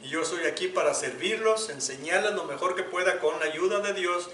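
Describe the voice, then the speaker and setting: A man preaching a sermon as pastor, moving between loud appeals and hushed prayer. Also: high voice, moderate pace, a little hiss or hum. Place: church sanctuary. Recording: echoey church room, mic at a distance.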